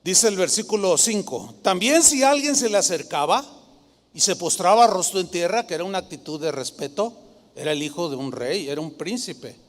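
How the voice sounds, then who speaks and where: Male pastor, high-pitched and theatrical, preaching in a reverberant church. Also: normal speed. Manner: dramatic preaching, mimics flatterers in a sugary voice. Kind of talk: sermon.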